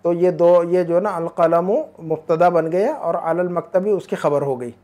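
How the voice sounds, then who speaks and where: Patient, mellow-voiced male language teacher. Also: fairly high pitch, fairly even intonation. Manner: drills phrases slowly, then explains quickly. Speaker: Arabic teacher. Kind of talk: one-on-one language lesson.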